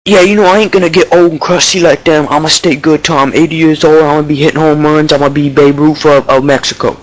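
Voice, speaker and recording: In a rough recording, a man with a slightly high, steady voice talks fast and lightly acts out a dim-witted young baseball prospect. He's cocky and rambling, full of slang and fillers, with Bronx swagger and an obsession with delis, in an improvised mock interview.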